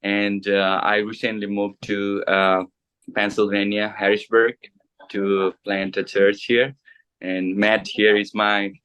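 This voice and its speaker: Hesitant man from Bhutan, low voice. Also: little pitch movement, a bit bright, clean tone. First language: Nepali. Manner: hesitant, many fillers and restarts, halting English. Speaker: pastor, interview guest. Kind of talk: casual interview.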